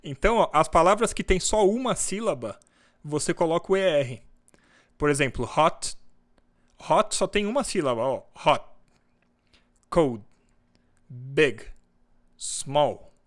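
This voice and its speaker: A man from Brazil teaching an online English class in Portuguese, slowly drawing out each English example word, heard over a computer mic on a video call. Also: a little high. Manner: slow and patient, drawing out English example words.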